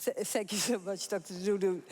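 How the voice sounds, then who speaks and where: Heavy background noise fills this reverberant conference hall as a woman with a mid-range voice moderates a panel before an audience. She talks briskly, keeping things chatty and informal with easy laughter.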